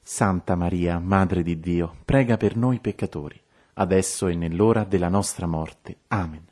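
A man reciting rosary prayers in a steady, measured, devotional way. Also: sits low.

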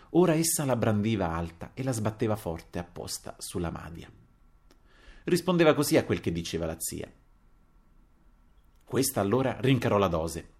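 Male audiobook narrator, lowish voice, dramatic and expressive delivery. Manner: expressive, dramatic reading with wide swings in loudness. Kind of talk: audiobook reading of a novel.

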